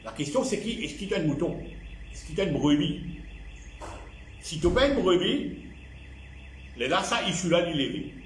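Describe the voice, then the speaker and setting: A fairly high-voiced man with a Mauritian accent preaches a sermon, his pitch rising and falling widely. He repeats key phrases and slips English words into his talk. The sound carries the echo of a church hall. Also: animated, moderate pace, long pauses, slight background noise. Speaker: pastor.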